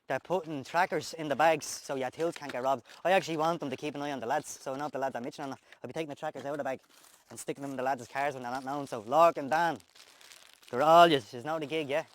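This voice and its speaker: A man's voice: a little high, a little hiss or hum. An Irish tradesman in a casual unboxing chat, joking and swearing as he talks to the person filming. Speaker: tradesman unboxing work gear.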